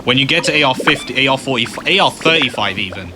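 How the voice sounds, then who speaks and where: Fast and lively in intonation, this medium-pitched man gives loose, rambling commentary while gaming, with many fillers and muttered asides. Background noise mixes with the game's music and sound effects as he hosts his video.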